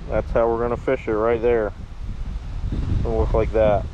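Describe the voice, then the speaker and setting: A man's voice: fairly low pitch, level tone, normal speed, highs cut off, noisy background. Joking young man vlogging from his truck. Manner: chatty and joking. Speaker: fishing vlogger. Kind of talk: casual vlog talk to camera. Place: inside a parked truck.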